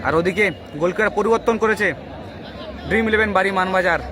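High-pitched excited male football commentator. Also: quick pace. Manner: excited, urgent, repetitive exclamations. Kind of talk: live penalty shootout commentary. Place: outdoor football ground during a match. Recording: noisy outdoor stadium with loud crowd. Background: loud crowd and noise.

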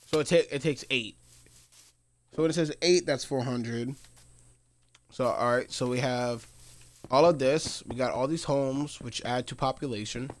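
A man's voice: medium pitch, a little slow, pauses often. A man streaming a video game live, talking casually as he plays, muttering to himself and laughing often. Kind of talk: casual live gameplay commentary.

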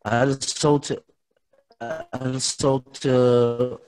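A man on a panel speaking over a glitching, cutting-out call connection, halting and repeating himself as he checks whether he can be heard. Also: medium pitch, level tone, darkish tone, faint music behind. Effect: glitching, cutting-out call audio. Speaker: invited professor on an online panel. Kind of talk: formal spoken Arabic presentation. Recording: distant, breaking-up online call.

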